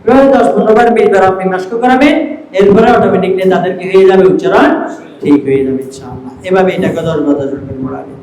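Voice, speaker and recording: Male recitation teacher with a high voice, poses questions and answers them, echoey room with faint hiss. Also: quick pace, darkish tone. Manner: asks questions and answers them himself, drawls letter names. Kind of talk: classroom teacher training.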